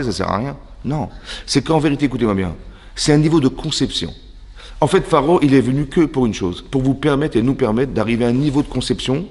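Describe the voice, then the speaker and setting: A man with a French accent giving a religious lesson to a women's class as a rabbi, animated and throwing rhetorical questions at his listeners. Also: mid-range voice, long reverb tail. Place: seminary classroom.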